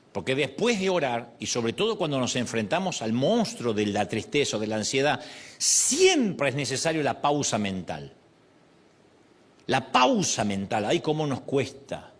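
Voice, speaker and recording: A man's voice: mid-range voice, breathy edge. A middle-aged man preaching a sermon, acting out prayers and quoted voices. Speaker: pastor.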